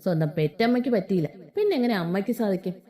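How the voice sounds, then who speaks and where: A woman voicing a wounded, defiant young wife who speaks with sharp scorn. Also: medium pitch, animated, fast, lightly acted. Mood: cold.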